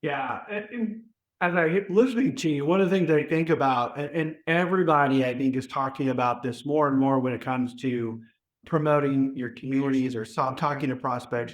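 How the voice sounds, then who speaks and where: A man hosting an interview, asking questions in a measured way and thinking aloud as he goes. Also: a little high, rough recording. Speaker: podcast host. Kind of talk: conversational interview.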